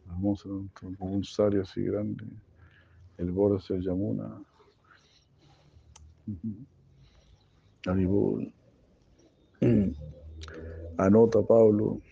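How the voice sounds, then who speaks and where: Slow gravelly-voiced man retelling a story. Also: fairly low pitch, flat delivery, mellow, highs cut off. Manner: digressive, joking, self-correcting. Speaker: devotional class speaker. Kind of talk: storytelling devotional class.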